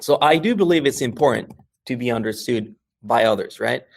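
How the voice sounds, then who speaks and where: This New York language educator, whose accent is Mexican American, has a gravelly, animated mid-range voice and talks a little fast. As a casual interview guest he frequently asks "right?" between thoughts, says "uh" a lot, and restarts sentences.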